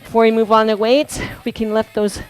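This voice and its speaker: Slightly high voiced woman teaching a core workout, slow and chatty, keeps encouraging, some music behind. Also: level tone, a little mellow, clean tone, rough recording. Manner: encouraging, chatty, laughs often; demonstrating moves while talking. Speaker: fitness instructor. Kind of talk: guided workout instruction. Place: fitness studio. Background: background workout music.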